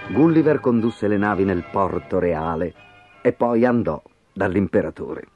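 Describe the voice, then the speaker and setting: Man reading a kids story, super lively, dull muffled audio with soft music. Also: sits low, unhurried. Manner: expressive, animated reading. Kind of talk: scripted storybook narration.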